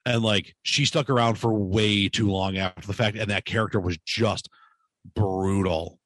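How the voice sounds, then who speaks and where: A man's voice: on the low side, steady tone, normal speed, fairly bright tone, dry recording. A man chatting casually on a podcast, rambling and joking crudely.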